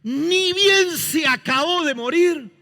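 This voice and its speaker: High, bright-voiced preacher in an echoing hall. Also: male voice, expressive, slow. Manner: impassioned preaching, mimics excuses and quotes scripture. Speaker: pastor. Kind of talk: sermon. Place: church sanctuary. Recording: reverberant church hall.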